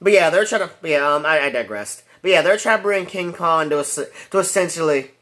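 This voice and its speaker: A man's voice: fairly high pitch, expressive, fairly quick, sharp tone. A man giving a rambling casual movie review, full of restarts and fillers and laughing at his own jokes.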